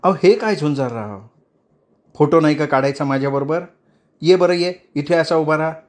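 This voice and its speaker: A man's voice: fairly high pitch, normal speed, darkish tone, pitched above the performer's own voice, lightly acted. A man voicing a cheerful young bride who coaxes and teases a guest at her wedding.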